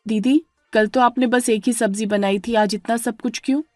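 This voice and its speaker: A woman's voice: fairly high pitch, a little fast, no echo, clean studio sound, soft background music, close to an everyday voice. A woman voicing a resentful young daughter-in-law in a dramatized story, grumbling and sulky.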